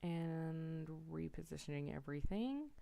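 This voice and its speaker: A woman's voice: sits low, lively intonation, a little slow, gravelly, dark tone. A young woman narrating her planner decorating in a casual, apologetic voiceover. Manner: apologetic, self-deprecating, chatty. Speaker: planner vlogger. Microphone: voiceover mic.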